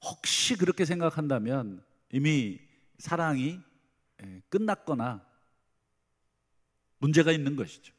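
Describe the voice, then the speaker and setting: Male pastor, sermon delivery, slightly high voice, acts out quotes; long church reverb. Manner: addresses congregation with rhetorical questions. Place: church sanctuary.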